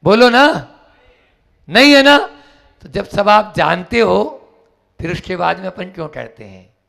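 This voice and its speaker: Gravelly, high-voiced male preacher. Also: measured pace. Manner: animated, emphatic preaching with rising exclamations. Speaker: spiritual teacher. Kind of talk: sermon with storytelling.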